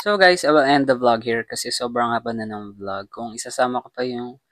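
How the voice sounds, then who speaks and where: A young man talking casually in a travel vlog, mixing English and Filipino in a relaxed way. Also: mid-range voice, fairly quick. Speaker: vlogger.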